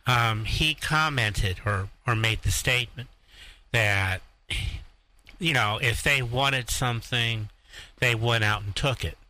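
A man's voice: medium pitch, takes it slowly, sharp tone, poor audio. A man co-hosting an interview who makes his point by paraphrasing what others have said. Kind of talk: conversational interview.

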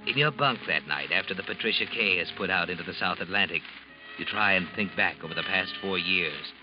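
A male actor voices a knowing, ominous narrator in an old-time radio suspense story, addressing the guilty protagonist as "you" and taunting him in an insinuating, dramatic way. His low voice moves a little fast and sounds close to everyday speech, heard through a muffled vintage recording with dramatic music behind it.

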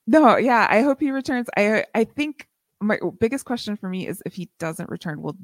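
Brief: woman podcast host, animated pitch, playful, dry close sound. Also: normal speed, no room sound. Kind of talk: casual chat.

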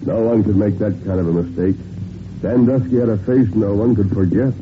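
An actor playing a tough, resolute masked western hero with an authoritative, emphatic delivery in an old-time radio drama. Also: male voice, lowish voice, a little fast, lightly acted. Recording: narrow, noisy vintage radio recording.

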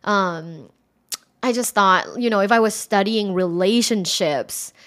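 A woman speaks as a sex educator in a casual interview. She is frank and candid, giggles easily and leans on loose fillers. Her voice sits at an ordinary middle pitch. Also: measured pace, fairly bright tone. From Thailand. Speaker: sex educator and college instructor.

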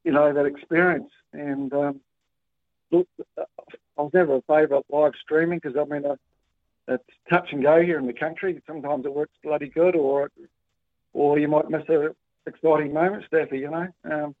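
A man's voice: fairly high pitch, steady tone, moderate pace, no echo. A man with a New Zealand accent calling in to a talkback show on his phone's speaker, rambling and colloquial with lots of ums and restarts. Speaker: caller. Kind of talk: casual talkback call. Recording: tinny dry phone line on speaker.

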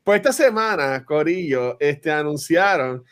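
A man with a Puerto Rican Spanish accent hosting a podcast, talking in an excitable, rambling way full of fillers. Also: fairly high pitch, measured pace, clear, resonant tone. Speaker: podcast host. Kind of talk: casual chat.

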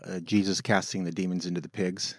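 Male podcast co-host, low voice, dry humor, close dry mic. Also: level tone, a little fast, dry recording. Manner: reads quotations aloud, dry humor. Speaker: editor-in-chief and podcast co-host. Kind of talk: casual podcast discussion.

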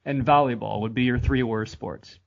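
An American man hosting a podcast interview, friendly and fast-talking, often repeating words. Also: medium pitch, steady tone, creaky, narrow, tinny audio. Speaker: podcast host.

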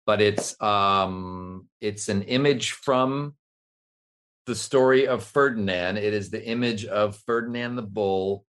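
Rambling low-voiced middle-aged man. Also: slow pace, a bit bright. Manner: rambling, self-deprecating, many fillers and restarts. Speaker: voice actor guest. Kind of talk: casual interview chat.

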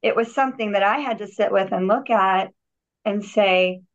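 On a podcast, a guest who works as a healer and yogi recounts her own healing journey with earnest reflection, frequently starting over and repeating herself. Her voice sits at medium pitch and moves at a moderate pace. The audio is dull and lo-fi.

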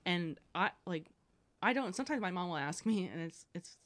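A woman's voice: on the low side, animated, normal speed. A young woman co-hosting a podcast, talking in a reflective, hesitant way full of fillers. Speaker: podcast co-host. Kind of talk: candid podcast chat.

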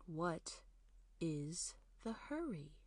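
A woman acts out a towering horse-demon man from a storybook folktale. The voice is low, slow and ominous, coaxing and commanding, recorded close and dry. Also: big pitch swings, a little mellow, no echo, heavily acted. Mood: impatient. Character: towering male horse-demon stranger, menacing, impatient, coaxing.

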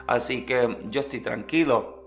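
A man preaching, telling a personal testimony in an earnest, lively storytelling manner. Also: medium pitch, a little slow, gravelly, slight background noise.

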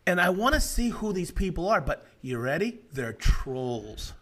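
A man's voice: high voice, unhurried. Middle-aged guy cohosting a chatty podcast, voice jumps all over, laughs a lot. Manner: animated, laughs loudly and often, reads comments in mock voices. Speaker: podcast co-host. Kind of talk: casual chat.

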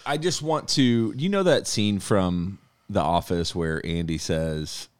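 A man's voice: deep voice, slow pace, clean tone, dry recording. A male podcast co-host who talks eagerly and at length in casual sports chat. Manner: enthusiastic, talkative.

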